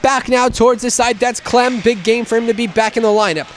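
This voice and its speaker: A man's voice: extremely high pitch, fairly even intonation, a little fast, a little hiss or hum. A man giving hockey play-by-play and game previews as a sports commentator. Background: music.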